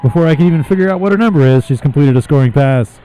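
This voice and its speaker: Mellow-voiced man calling roller derby. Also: on the high side, expressive, a little hiss or hum. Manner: brisk play-calling with dry jokes. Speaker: play-by-play commentator. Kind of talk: live sports commentary.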